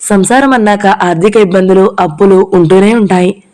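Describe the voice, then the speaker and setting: Warm-toned novel reader. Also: female voice, mid-range voice, moderate pace, rough recording. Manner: steady storytelling. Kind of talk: reading a novel aloud.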